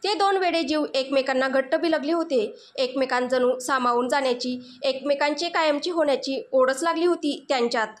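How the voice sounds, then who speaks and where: Expressive high-voiced woman storyteller. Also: moderate pace, few pauses. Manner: emotional, expressive. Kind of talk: scripted story narration.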